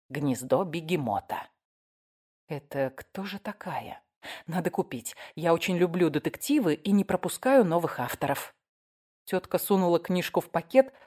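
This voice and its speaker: A woman narrating a first-person audiobook with expressive, lively storytelling. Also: deep voice.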